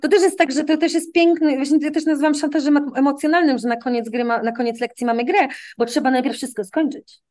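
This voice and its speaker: High-pitched female teacher guest, animated anecdote teller, chatty, acts out dialogue. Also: fast talker. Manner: animated anecdotes, acts out quoted exchanges, frequent tag questions. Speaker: English teacher for children, guest. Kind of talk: casual storytelling in an interview.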